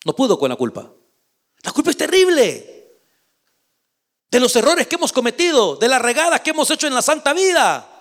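A man's voice: very high-pitched, huge pitch swings, moderate pace, pauses often, fairly bright tone. A man preaching a sermon, reading scripture aloud and speaking dramatically to the congregation. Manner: dramatic, reads scripture aloud and acts out quotes; addresses the congregation directly.

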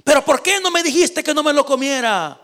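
A man's voice: very high-pitched, animated, brisk, a bit bright, pitched above the performer's own voice. A man voicing a nagging wife who blames her husband, in a reproachful tone during a sermon.

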